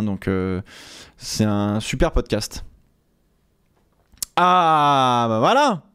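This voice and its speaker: A man's voice: medium pitch, a little mellow, dry recording, clean studio sound. A man chatting casually on a live stream, rambling with many fillers and restarts.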